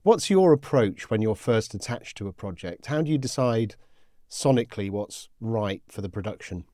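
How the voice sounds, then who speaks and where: A man's voice: fairly low pitch, animated, normal speed, dark tone, dry recording, studio quality. A man hosting a podcast, chatting casually and reading out listener messages. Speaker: podcast host. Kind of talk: casual interview chat.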